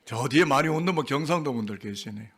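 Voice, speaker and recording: A man's voice: mid-range voice, expressive, fast, a bit bright, breathy edge. A male senior pastor giving a sermon in a church sanctuary, playful and quizzing the congregation.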